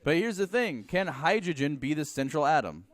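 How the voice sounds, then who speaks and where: A man's voice: fairly high pitch, lively intonation, moderate pace. A man teaching chemistry in a classroom, joking with students and counting aloud as he draws. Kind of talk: classroom lecture.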